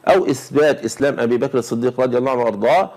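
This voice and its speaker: A man with an Egyptian accent speaks at a very rapid clip in a mid-range voice. He debates insistently, repeating the same line and peppering his speech with pious formulas. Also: medium pitch, a little mellow. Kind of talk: heated online debate.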